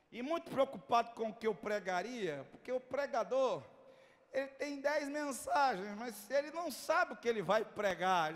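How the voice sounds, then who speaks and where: A man with a Brazilian Portuguese accent preaching a sermon, telling a story dramatically and building to emphatic declaiming. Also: very high-pitched. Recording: long reverb of a large hall.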